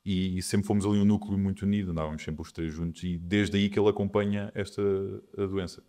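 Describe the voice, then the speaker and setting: A man in his twenties with a notably deep, low-pitched voice sits as a guest in a casual podcast conversation. He answers in a calm, soft-spoken, reflective way. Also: fast talker. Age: 20s.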